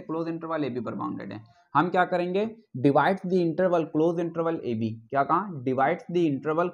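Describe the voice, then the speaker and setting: A man teaching maths in a classroom lecture, his voice sitting a little high. He keeps checking whether the students follow, repeats key terms, and dictates definitions slowly. The recording sounds dull and lo-fi. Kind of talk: classroom lecture on real analysis.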